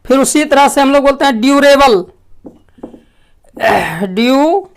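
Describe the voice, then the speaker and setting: A woman teacher explains pronunciation in a slow, deliberate lesson. Her voice sits fairly high, and she keeps asking questions and then answering them herself. She often stops to clear her throat. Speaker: English teacher. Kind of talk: classroom lesson.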